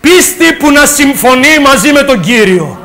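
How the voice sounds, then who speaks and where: A man preaching an impassioned sermon in church, shouting exclamations and chanting repeated refrains. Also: very high voice, animated. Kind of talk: fervent sermon.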